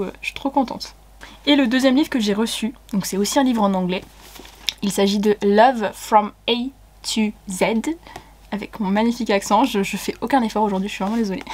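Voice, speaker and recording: A young woman chatting casually as she unboxes books, excitable and giggly, with many fillers. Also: mid-range voice. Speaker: book vlogger.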